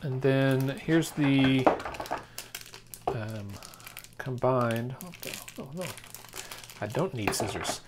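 An American product reviewer, likely in his thirties or forties, unboxes something informally and reasons aloud as he goes. The medium-pitched voice moves at a slow pace with long pauses, and the audio carries clear background noise and handling clicks.

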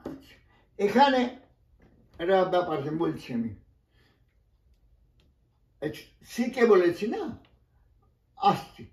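A man's voice: high-pitched, sing-song, slow pace, long pauses, a little mellow, echoey room. A man from West Bengal teaching English pronunciation, patiently explaining word by word with frequent asides. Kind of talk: spoken classroom lesson.

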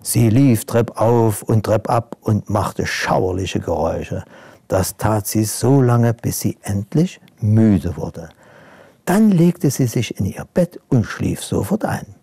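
A man reading a bedtime story aloud to children, gently and expressively, sometimes dropping to a hush. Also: fairly low pitch, gravelly, breathy edge, dry recording.

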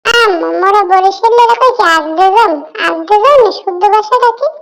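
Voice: very high voice, moderate pace, fairly bright tone. A performer voicing a playful, cheeky young boy cat in a comic cartoon dub, chatty and full of questions, speaking with a Barishal accent. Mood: curious. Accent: Barishal dialect of Bengali. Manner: chatty, asks question after question.

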